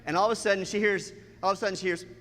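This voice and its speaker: A man telling a comic personal story in an animated way, acting out the scenes as he goes. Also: high-pitched, racing, long reverb tail. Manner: animated, acts out scenes and quotes.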